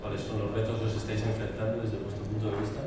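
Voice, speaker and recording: A man's voice: on the low side, monotone, quick pace. Spanish man moderating in an echoey hall. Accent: Spain. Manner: hesitant, searching for words. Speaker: panel moderator. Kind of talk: introducing panelists and asking questions. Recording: very echoey hall, distant, noisy.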